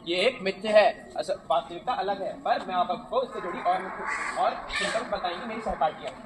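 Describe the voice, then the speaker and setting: A man's voice: high voice, a little fast. A young man with an Indian accent giving an educational street-play speech as a nursing student, projecting his voice. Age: young adult. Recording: noisy outdoor recording.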